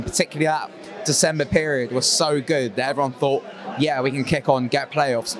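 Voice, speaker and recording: A man giving measured, reasoned football opinions as a guest on a handheld mic. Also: mid-range voice. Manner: measured, builds long reasoned arguments. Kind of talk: casual football chat. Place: small studio set with a painted wall backdrop.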